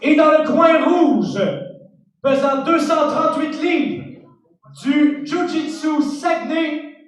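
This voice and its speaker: A woman announcing fighters like a boxing ring announcer, formally, with drawn-out proclaimed names. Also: high voice. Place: large echoey event venue. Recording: echoey hall PA from far off, noisy.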